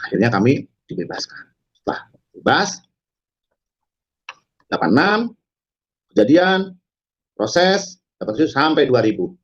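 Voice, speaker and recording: A man telling his story to an audience in a dramatic testimony, halting with many fillers and breaking into loud quoted shouts. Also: mid-range voice, big pitch swings, slightly rough, muffled recording. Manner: halting, frequent fillers and restarts. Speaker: testimony speaker. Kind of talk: dramatic spoken testimony to a congregation.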